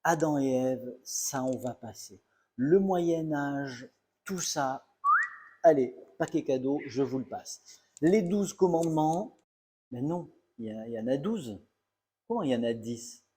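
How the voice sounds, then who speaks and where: A man's voice: mid-range voice, expressive, unhurried, warm tone, slightly rough. A middle-aged male comedian telling a self-mocking story in a mock-serious, playfully exaggerated comic monologue.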